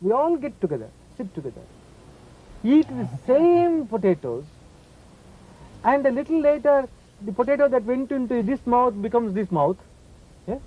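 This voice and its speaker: High-voiced man preaching on oneness. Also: very animated, normal speed, long pauses, lo-fi sound. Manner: questioning, playful, preaching. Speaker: yoga teacher. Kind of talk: lively spiritual talk.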